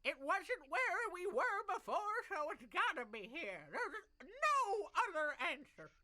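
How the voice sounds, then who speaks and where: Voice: very high-pitched, very animated, unhurried, bright, forceful tone, voice pushed up, exaggerated voice. A game master voicing a very old harengon rabbit-folk elder, a confused old person who is cranky but determined, in a tabletop fantasy game. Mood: insistent.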